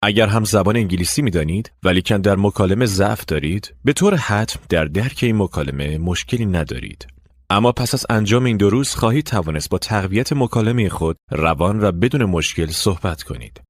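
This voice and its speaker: A man narrating a language lesson, giving clear step-by-step instructions. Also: on the low side, lively intonation, no room sound. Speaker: language teacher.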